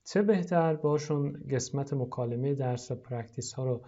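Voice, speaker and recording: A teacher explaining vocabulary in Persian, patient and instructional. English phrases are pronounced very slowly and clearly for learners to repeat. The recording sounds dull and lo-fi. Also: mid-range voice, mellow. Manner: explains slowly, then models English words drawn out for repetition. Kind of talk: online lesson in Persian.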